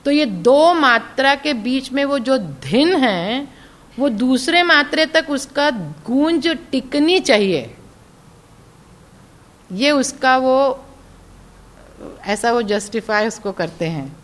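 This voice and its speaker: A woman who sings classical music, explaining its theory in a slow, explanatory way. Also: high-pitched, lively intonation. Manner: slow, explanatory, reciting drum syllables and sung notes. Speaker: classical vocalist and music teacher.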